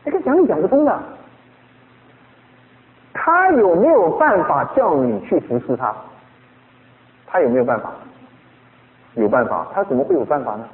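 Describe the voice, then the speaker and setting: A male pastor delivers a sermon in a high, wide-swinging voice, firing off rhetorical questions at his listeners. The sound comes through a thin, phone-like radio broadcast with a long hall reverb trailing behind him. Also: moderate pace, pauses often. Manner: animated preaching full of rhetorical questions.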